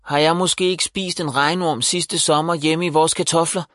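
A man voicing a bold, excitable young village boy in a children's audiobook, with an emphatic manner. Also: mid-range voice, dry recording, pitched above the performer's own voice, lightly acted. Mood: indignant. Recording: dry close voice.

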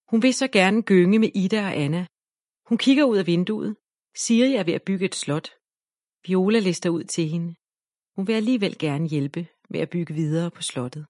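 A woman reads a children's story aloud in a gentle, even way. Her voice is mid-pitched, close to the mic and dry, with no room around it. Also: dry recording.

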